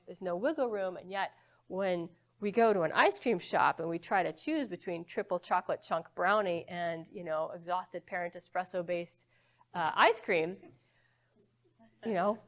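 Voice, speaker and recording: Chatty woman physics lecturer. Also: mid-range voice. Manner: conversational, asks the audience questions, frequent okays. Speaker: physics professor giving a talk. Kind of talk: live lecture to an audience. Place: church hall.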